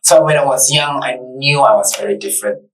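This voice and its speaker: A man's voice: mid-range voice, fairly quick, fairly bright tone, far from the mic, low-quality recording. A man in his thirties from Malaysia, a podcast guest telling his story in an earnest, reflective way. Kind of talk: casual interview conversation. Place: bright studio set.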